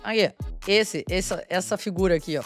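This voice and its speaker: A woman's voice: on the low side, moderate pace, music in the background. A woman with a Brazilian Portuguese accent commenting on a video in emphatic, opinionated asides. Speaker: commentator host.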